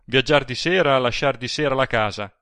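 A man reading an audiobook, voicing a burly, brooding man who speaks in a rough, tense tone. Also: medium pitch, moderate pace, no room sound, lightly acted. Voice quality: rough, dark tone.

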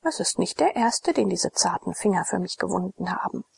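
A woman voicing a gentle young Athenian man who acts as a fatherly mentor, in a whispered role-play with a calm, low whisper. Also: normal speed, gravelly, husky, no echo, exaggerated voice. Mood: tender.

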